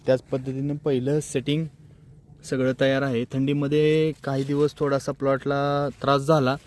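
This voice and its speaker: A man's voice: mid-range voice, flat delivery, moderate pace, darkish tone. A man hosting a farming vlog, walking through a tomato field and explaining plainly to fellow farmers. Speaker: farming channel host. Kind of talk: casual field walkthrough vlog.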